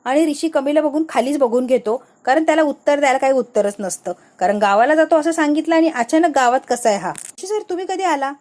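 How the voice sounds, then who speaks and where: High-voiced woman retelling a serial plot. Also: fast, few pauses, darkish tone. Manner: chatty storytelling with quoted dialogue. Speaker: TV serial recap narrator.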